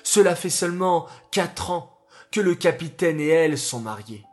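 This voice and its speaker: A man's voice: on the high side, expressive, moderate pace. A man narrating a history story for children in a dramatic, scripted way, sometimes speaking to them directly. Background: faint music.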